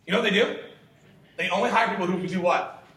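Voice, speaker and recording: A young man in his twenties coaching a sales team, his voice pitched high for a man and landing every point hard with rhetorical questions. He sounds distant from the mic in a very echoey room, with a faint hiss underneath. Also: fast, a bit bright. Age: 20s. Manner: emphatic and punchy, rhetorical questions, casual swearing. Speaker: sales trainer. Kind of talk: motivational sales training talk.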